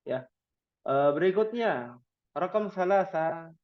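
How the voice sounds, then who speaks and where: A man teaching an Arabic class online, encouraging students and slowly repeating words for them. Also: sits high, animated, dull audio.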